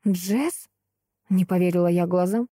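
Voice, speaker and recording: A woman reads a first-person fantasy audiobook with expressive storytelling. Her voice is dark, mellow and warm. The recording is dry and close, with no room sound. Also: mid-range voice, normal speed, no room sound. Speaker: audiobook narrator.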